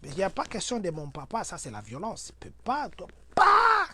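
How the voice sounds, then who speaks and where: This Swahili-speaking man, a community advisor, shares everyday guidance with his neighbors, sincere and sermonizing, his voice leaping to loud exclamations at key points. It is high and husky, swinging hugely in pitch, delivered at normal speed.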